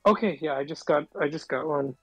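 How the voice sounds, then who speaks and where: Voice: medium pitch, brisk, a bit bright, slightly rough, no room sound, faint music behind, poor audio. A caller talking through a voice changer that disguises the voice, chatting casually on a call and rambling with lots of fillers. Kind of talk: casual phone chat.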